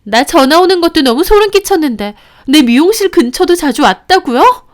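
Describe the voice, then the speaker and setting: A woman voicing a frantic middle-aged woman who is furious at a stalker, in a shrill, agitated outburst. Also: very animated, normal speed.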